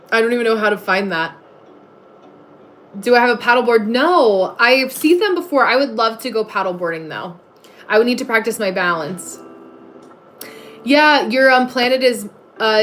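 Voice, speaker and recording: With music playing behind her, a woman hosts a livestream in a relaxed, chatty manner. She answers comments and breaks off now and then to greet viewers, her voice fairly high and a bit bright.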